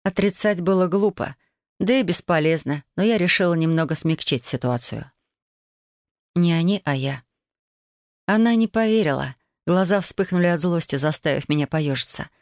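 A woman narrating a first-person novel in an even, measured storytelling voice. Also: on the low side, no echo, studio quality. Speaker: audiobook reader.

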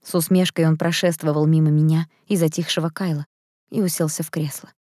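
Woman narrator, low dark voice, calm reading, dry close recording. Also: fairly quick, dry recording. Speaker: audiobook narrator. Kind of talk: scripted first-person narration.

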